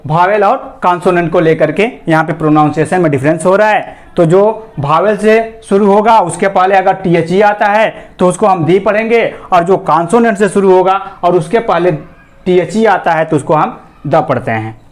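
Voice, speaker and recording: A man teaching English grammar, asking questions to the class, answering them himself, and reading example sentences slowly word by word. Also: high voice. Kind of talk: explanatory classroom lesson.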